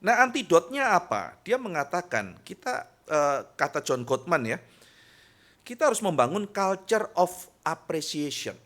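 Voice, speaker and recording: Give me a male pastor preaching to a youth service, his voice a touch high and swinging widely in pitch. He talks in a lively, chatty way and acts out arguments between husbands and wives. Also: a little slow. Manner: lively and conversational, acting out quarrels between spouses; addresses listeners as "saudara".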